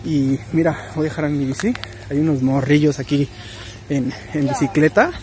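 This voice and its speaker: Crowd noise surrounds a young Mexican vlogger whose fairly high voice stays steady at a normal speed. Speaking with a Mexican Spanish accent, he rambles through casual advice in slang and keeps saying "güey."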